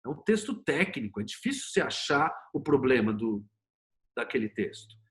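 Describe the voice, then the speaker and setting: A Brazilian man with a medium-pitched voice talks at a moderate pace as a guest in an interview, where he is a screenwriter and series producer. He explains things conversationally and with strong opinions, telling stories in an animated way, posing rhetorical questions and acting out quotes.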